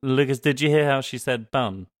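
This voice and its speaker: A man's voice: mid-range voice, normal speed. A man chatting casually as a podcast co-host, with a teasing, sweary, bantering way of talking. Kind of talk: casual chat.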